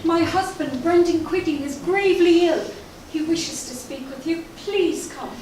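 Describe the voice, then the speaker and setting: A woman's voice: extremely high pitch, a little slow. A woman playing an anxious, pleading sailor's wife in a historical play, speaking formally and earnestly. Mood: urgent, worried. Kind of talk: historical stage play acting. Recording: distant echoey hall with loud noise.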